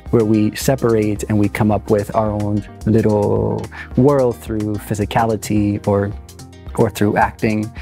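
Choreographer, man in his thirties, thoughtful interview talk, level and monotone, in a big studio. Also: on the low side. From Puerto Rico, raised in New York City. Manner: thoughtful, with many fillers and restarts. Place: large dance studio.

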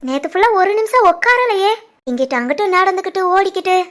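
A young cartoon wife, voiced by a woman, talks in a very high, bright voice with a southern Tamil lilt from the Tirunelveli area. She is gentle and polite, speaking with affection and respect to her husband and in-laws. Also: big pitch swings, fast talker, heavily acted. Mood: affectionate. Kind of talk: animated family story voice acting.

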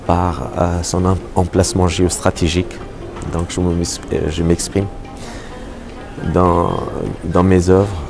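A middle-aged painter from Afghanistan speaking with an Afghan accent, halting with many fillers and restarts, in an on-camera interview in a gallery. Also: male voice, deep voice. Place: art gallery hall. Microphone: lapel mic.

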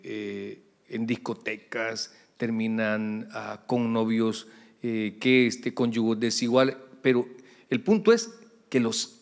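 A middle-aged pastor preaches a sermon at a mid pitch. He talks to his congregation conversationally and drops humorous asides. A long reverb from the church hall trails his voice. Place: church sanctuary.

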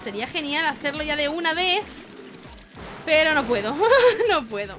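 Excitable high-voiced Spanish woman gamer. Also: normal speed. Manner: excitable, shrieks and laughs at the game. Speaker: gaming YouTuber. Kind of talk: let's-play commentary. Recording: game music loud under the voice. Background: game music.

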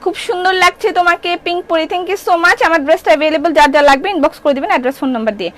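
A middle-aged woman with a Bangladeshi accent, running a live clothing sales stream, talking fast and playfully while reading viewer comments. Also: extremely high pitch, a bit bright. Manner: fast, chatty, playful, reads comments aloud. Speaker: shop owner selling clothes on a live stream.

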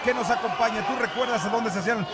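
A Mexican man works as a wrestling commentator, his voice pushed very high as he calls the action live. He hammers home phrases by repeating them. A loud arena crowd roars behind him. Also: quick pace. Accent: Mexican Spanish. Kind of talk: excited live lucha libre commentary. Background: cheering arena crowd.

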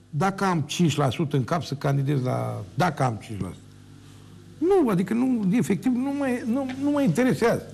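Gravelly ranting man on TV. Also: fairly high pitch, a little mellow. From Romania. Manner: emphatic, ranting, repeats words for emphasis. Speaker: former mayor on his own TV show. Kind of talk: heated televised monologue.

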